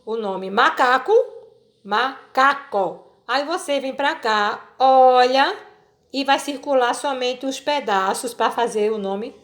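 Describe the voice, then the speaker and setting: A woman teacher with a Brazilian Portuguese accent, patiently explaining a children's worksheet and sounding out syllables slowly. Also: on the high side, fairly bright tone.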